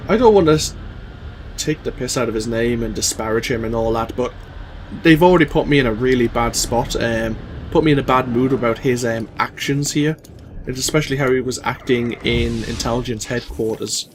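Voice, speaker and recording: A man's voice: mid-range voice, fairly quick. A man giving casual, rambling, mildly sweary commentary as he hosts a video game playthrough. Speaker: let's play host. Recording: faint game ambience noise.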